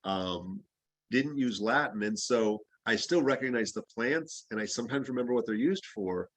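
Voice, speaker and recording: A Bahamian-raised man teaches an herbalism class in a casual, rambling way, full of anecdotes and fillers. His voice is medium-pitched with lively intonation and normal speed, recorded dry but with poor audio quality.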